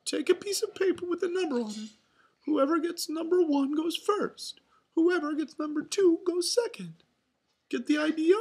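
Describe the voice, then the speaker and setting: A woman voicing a cheery, bossy cartoon mouse leader from a storybook, in an excitable, exclaiming way. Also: very high-pitched, moderate pace, voice pushed up. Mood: announcing. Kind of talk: storybook read aloud.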